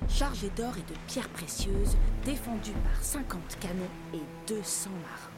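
Lively woman reading a storybook. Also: mid-range voice, a little slow, over loud music. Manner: expressive, lively. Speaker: narrator. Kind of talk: storybook narration.

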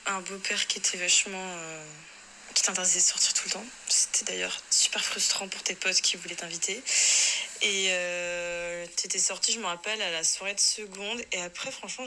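A young woman in her twenties casually recalling school parties, slangy and relaxed with lots of fillers. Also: medium pitch, slight background noise. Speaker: friend recalling school days. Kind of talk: casual recollection.

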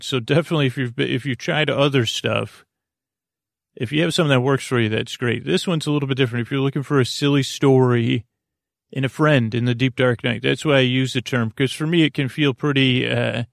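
A man with a creaky, gravelly, mid-range voice hosts a bedtime podcast, rambling in a soothing, halting monologue that often breaks off mid-thought. The clean studio recording has no room sound.

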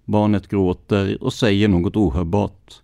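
A man hosting a true crime podcast, reading police records in a measured, scripted narration. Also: fairly low pitch, little pitch movement, gravelly, mellow, no echo, studio quality. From Sweden.

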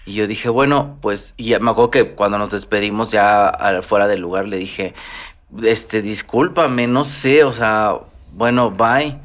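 A man with a Mexican accent in casual conversation, telling personal stories with lively acted-out dialogue. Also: lowish voice, a little slow. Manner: storytelling, animated, acts out quoted dialogue. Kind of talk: casual chat.

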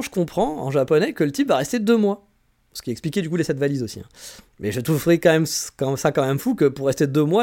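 A man from France talks through a podcast episode at a rapid clip, his voice sitting a little high. His delivery is loose and slangy, full of fillers and quick restarts, like a friend recounting travel stories. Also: darkish tone. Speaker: podcast host. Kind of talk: casual storytelling monologue.

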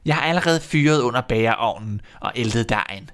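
A man's voice: mid-range voice, a bit bright, smooth, natural voice. A man reading a fairy tale aloud, voicing a cruel old female witch who eats children, with a sly, impatient, scolding manner. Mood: sly, scornful.

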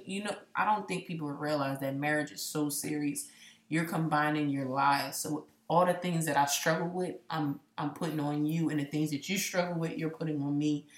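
A woman's voice: low-pitched, echoey room. A woman in her late twenties co-hosting a podcast, talking candidly and reflectively, with a joking streak. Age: late 20s. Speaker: podcast co-host. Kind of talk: casual chat.

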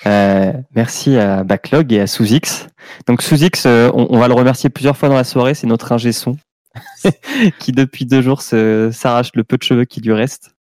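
A man's voice: mid-range voice, moderate pace, darkish tone, dry recording. A man hosting an awards show in a casual live presenting style.

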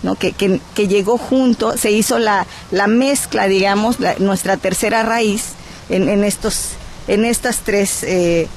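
Earnest Mexican woman, persuasive, mid-pitched. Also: unhurried, a little hiss or hum. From Guerrero, Mexico. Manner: earnest and persuasive, with frequent "eh" hesitations. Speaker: cultural advocate, interview guest. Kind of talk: radio interview.

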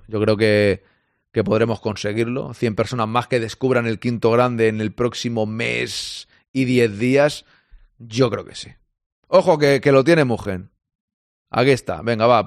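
A man's voice: medium pitch, steady tone, normal speed, dry recording, clean studio sound. A man with a Spain Spanish accent hosting a live sports stream, chatting casually and joking as he reads out listener comments. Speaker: sports podcast host.

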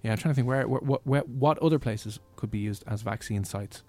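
Fast-talking Dublin man hosting radio. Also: medium pitch, darkish tone, no room sound, faint music behind. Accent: Dublin Irish. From Ireland. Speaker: radio host. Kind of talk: casual radio chat.

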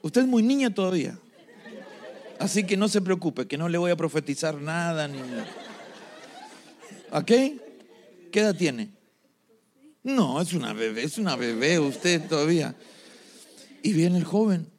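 Pastor, high and gravelly, unhurried storytelling sermon. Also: male voice, expressive, a little mellow, some chatter behind. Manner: storytelling, addresses the congregation.

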